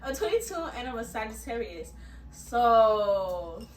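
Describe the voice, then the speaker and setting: A woman's voice: a little high, sing-song, unhurried. Twenties woman host, teasing and playful, recorded far off in an echoey room. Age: 20s. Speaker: podcast host. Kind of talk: casual chat. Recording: roomy, distant mic, background noise.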